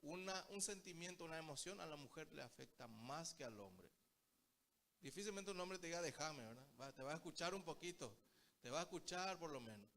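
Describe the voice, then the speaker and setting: A Paraguayan man preaches a Bible study sermon in a fairly high, creaky voice with a fairly bright tone, speaking a little fast and expressively. He tells stories and keeps calling his listeners brothers.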